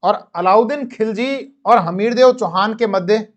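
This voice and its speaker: Male history teacher with a high voice, explaining with asides and corrections. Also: unhurried. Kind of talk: classroom history lecture.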